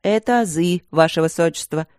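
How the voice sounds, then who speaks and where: A woman's voice: on the low side, moderate pace, a little mellow, no echo, lightly acted. A woman voicing a stern, cold male professor who lectures in a dry, cutting way.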